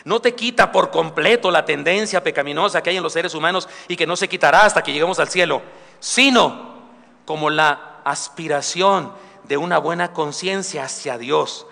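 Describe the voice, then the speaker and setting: A man's voice: fairly high pitch, normal speed, creaky, pushed and bright. A man, a pastor preaching a conversational sermon with asides and humor, recorded live in a church. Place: church sanctuary. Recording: live church recording with long hall reverb.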